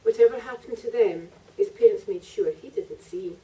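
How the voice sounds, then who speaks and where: In a library during a live festival reading, a woman author reads her own narrative prose in a sing-song way. Her voice sits on the high side, mellow and at normal speed, and a distant microphone records it.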